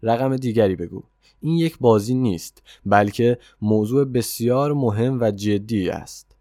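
Man voicing a calm millionaire mentor. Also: medium pitch, no echo, clean studio sound, close to an everyday voice. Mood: insistent. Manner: calm and insistent. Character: calm, self-assured wealthy older male millionaire mentor.

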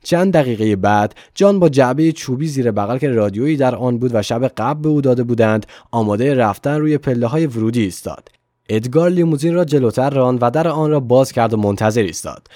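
A man narrating an audiobook in a measured, calm reading. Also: mid-range voice, dry recording, studio quality. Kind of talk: scripted narration.

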